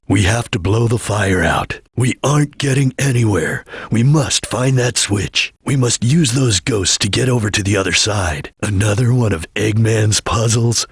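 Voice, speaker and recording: Espio the Chameleon, husky stoic ninja. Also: male voice, lowish voice, dry recording, clean studio sound. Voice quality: husky, gravelly. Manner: terse, solemn, guarded delivery. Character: stoic, watchful ninja chameleon, grave and duty-bound. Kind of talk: scripted video game voice lines.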